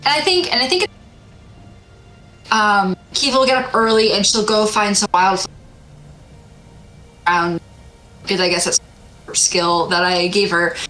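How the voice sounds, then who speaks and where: A woman's voice: medium pitch, unhurried, pauses often, pushed and bright, faint music behind, rough recording. A woman player chatting casually during a tabletop game, rambling with lots of fillers.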